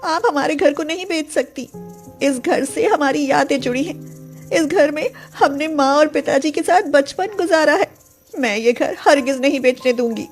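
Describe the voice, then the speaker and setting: A woman voicing a gentle, tearful poor young woman, pleading and soft-hearted. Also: high voice, normal speed, soft background music, voice pushed up, close to an everyday voice. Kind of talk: storybook voice acting.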